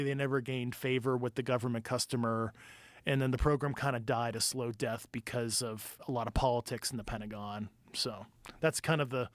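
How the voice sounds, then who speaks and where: A man's voice: medium pitch, dry recording. A man being interviewed, explaining informally in a careful, conversational way. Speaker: interview guest, government insider.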